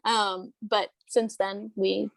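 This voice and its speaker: Young woman rambling thru an interview, lots of ums and restarts, gravelly fry, dry mic. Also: mid-range voice, no echo. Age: 20s. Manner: rambling, hesitant, many fillers and restarts, laughs often. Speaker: interview guest. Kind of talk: casual interview chat.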